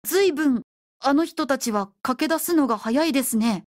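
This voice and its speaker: An amazed man from the past, asking one polite question after another, as a woman reads him. His voice sits a touch high in an audiobook reading. The sound is dry and close. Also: very animated, moderate pace, a little mellow, dry recording. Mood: wondering.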